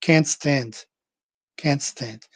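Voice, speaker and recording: A man's voice: fairly high pitch, no room sound. An earnest man talks through his thoughts in a slightly raised voice, stopping and restarting as he goes. The recording is dry and close, with no room sound around him. He sounds like someone speaking alone to his channel's viewers. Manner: earnest, halting, with many restarts and fillers. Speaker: channel host. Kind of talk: casual monologue on scripture.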